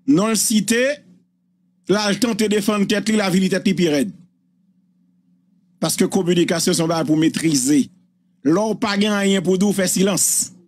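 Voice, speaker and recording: High-voiced man giving commentary. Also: measured pace, long pauses, a little mellow.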